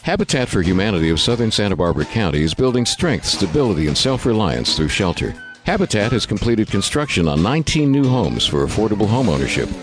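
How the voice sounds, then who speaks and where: A man reading radio commercials in an upbeat, selling tone. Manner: upbeat sales pitch. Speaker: ad announcer. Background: music bed.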